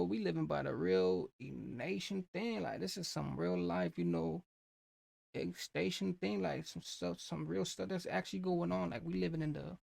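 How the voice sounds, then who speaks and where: A man's voice: high voice, gravelly, darkish tone. A man hosting a reaction video, rambling loosely with lots of fillers and restarts. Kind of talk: casual reaction commentary.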